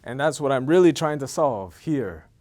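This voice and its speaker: A man's voice: medium pitch, expressive, normal speed, darkish tone. A man in his thirties from Ethiopia, talking casually to camera to promote a networking event. He rambles, repeats himself and keeps checking in with "okay?". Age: 30s. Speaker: event organizer.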